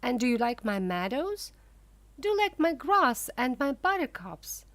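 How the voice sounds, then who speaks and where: A woman's voice: sits high, very animated, a little slow, dry recording, exaggerated voice. Woman doing a gushing eccentric candy maker. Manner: gushing, showy and proud. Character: eccentric excitable male chocolate maker.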